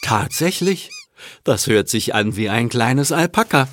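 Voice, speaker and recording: A man voicing a calm, kindly old grandfather in a children's audio story, with a reassuring manner. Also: medium pitch, measured pace.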